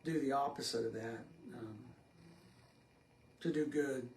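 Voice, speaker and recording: A man leading a casual Bible study discussion, speaking slowly and haltingly with many pauses and fillers. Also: mid-range voice, creaky. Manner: slow and halting, many ums. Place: church room. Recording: echoey room with faint noise.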